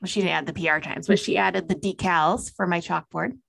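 A woman's voice: fairly low pitch, fairly even intonation, brisk, gravelly, fairly bright tone. A woman co-hosting a podcast, chatting playfully and laughing often from her home office. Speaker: podcast co-host. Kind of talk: casual chat.

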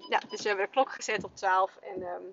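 A woman's voice: medium pitch, a little fast, creaky, a bit bright, slight background noise. A woman in her thirties hosting a parenting podcast, telling a story in a chatty way with many fillers. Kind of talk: casual spoken podcast monologue. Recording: dull, dry lo-fi sound.

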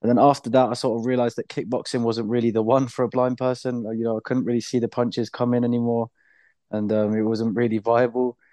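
A young man with a British accent, chatting casually as a podcast guest, relaxed, with easy laughs and loose fillers. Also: on the low side, no room sound. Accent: British English. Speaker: podcast guest, blind footballer. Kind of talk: casual interview chat.

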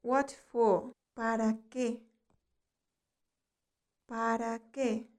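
Woman language teacher, very slow careful delivery, bit higher voice, repeats each phrase. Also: darkish tone. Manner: says each phrase slowly and repeats it for practice. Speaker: language teacher and podcast host. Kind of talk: slow bilingual vocabulary lesson.

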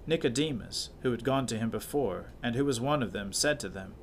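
A man's voice: mid-range voice, slight background noise. Solemn male scripture reader. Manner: measured, solemn reading cadence. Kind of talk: liturgical scripture reading and prayer.

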